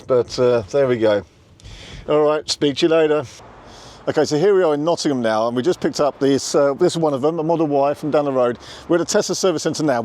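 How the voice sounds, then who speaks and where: A man's voice: medium pitch, darkish tone. A man with a South London accent hosting a casual car vlog, chatty and explaining things step by step, from inside a car and at a charging station. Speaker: vlog host.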